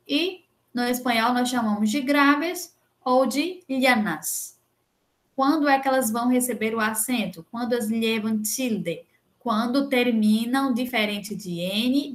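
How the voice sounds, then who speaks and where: In this recorded online Spanish lesson, a young woman with a Brazilian Portuguese accent and a slightly high voice goes over the rules patiently. She keeps tagging her explanations with checks like "tá?" and "né?".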